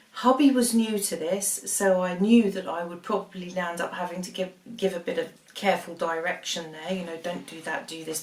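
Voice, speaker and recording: A middle-aged woman, hosting an art vlog, chatting through a funny story and a painting demo in a lively, self-mocking way. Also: lowish voice. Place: room at home. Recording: roomy echo, mic at a distance.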